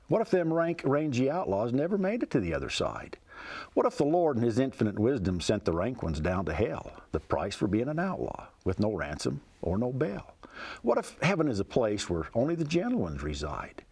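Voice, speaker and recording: A man's voice: mid-range voice, wildly swooping pitch, moderate pace, a little mellow, breathy edge. A man recites cowboy poetry in a folksy, rhythmic, storytelling way. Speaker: cowboy poet.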